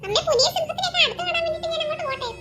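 Woman doing squeaky excitable cartoon kids. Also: rapid-fire. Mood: excited. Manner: squeaky, excitable, breathless exclamations. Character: excitable young children, boy and girl. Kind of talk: cartoon voice acting. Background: music.

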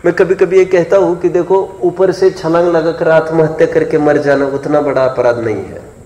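A man's voice: fairly high pitch, fairly even intonation, moderate pace, dark tone, muffled recording. A man giving a sermon-style scripture lecture to a live audience, often stopping to ask rhetorical questions and check that his listeners are following. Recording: echoey hall with long reverb.

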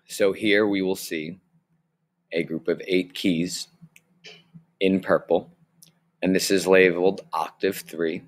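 Teaching the fundamentals of music, a young man with a low voice speaks slowly and clearly. The online lesson is recorded in a small room on his webcam mic.

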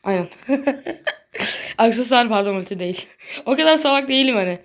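A woman giving casual gameplay commentary in a blunt, slangy way, quick to get annoyed. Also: fairly high pitch, expressive. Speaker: gaming video creator.

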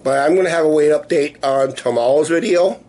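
A vlogger in his fifties rambles and halts through a casual video diary chat in a small living room, his voice weak and sore from illness, pitched on the high side with a warm tone. The camera sits at arm's length, and its mic catches noisy room ambience.

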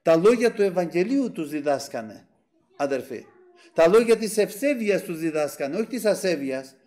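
A man's voice: sits high, very animated, darkish tone. A man preaching a sermon with fervor, swelling on key phrases and often addressing the brethren. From Greece.

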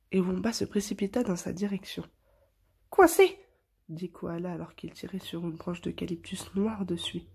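A woman reading a picture book aloud to children in a soft, hushed storytelling voice. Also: lowish voice, vocal fry, breathy edge.

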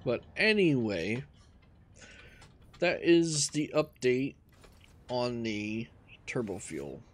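A man casually talking through his gameplay, relaxed and rambling as he thinks aloud. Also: medium pitch. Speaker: gaming channel host.

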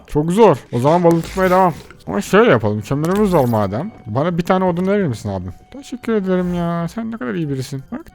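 A young man hosting a let's play video, excitably chattering to his viewers while he plays. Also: on the high side. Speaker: gaming channel host.

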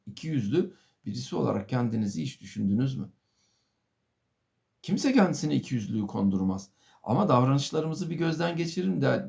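A middle-aged man, a professor, giving a monologue lecture to viewers, firing off rhetorical questions, calling them dear friends and filling pauses with a formal "sir". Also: medium pitch, creaky, a little mellow. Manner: asks many rhetorical questions and addresses listeners as dear friends; fills pauses with a formal "efendim". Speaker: professor giving a video talk.

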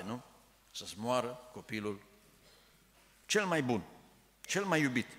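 A man's voice: medium pitch, fairly bright tone. A man preaching a sermon in a church, emphatic and full of rhetorical questions. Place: church sanctuary. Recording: echoey church hall.

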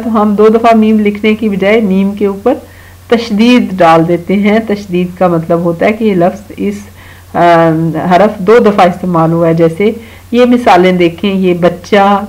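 A woman's voice: mid-range voice, steady tone, darkish tone, rough recording. Woman teaching grammar to children. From Pakistan. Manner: explains slowly, addresses children directly, recites verses. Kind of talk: online Urdu grammar lesson for children.

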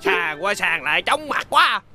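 A loud, boastful drunken brother. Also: male voice, sits high, big pitch swings, measured pace. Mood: jovial. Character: boastful drunk rich man, bossy and quick to fight. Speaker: drunken elder sworn brother. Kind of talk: TV fairy-tale drama acting. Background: background music.

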